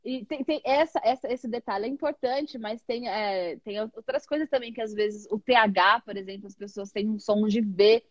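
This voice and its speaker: A woman English teacher chatting casually with a student, explaining with lively examples and checking in often. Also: fairly high pitch, normal speed, hardly any pauses, no echo, highs cut off. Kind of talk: casual interview chat.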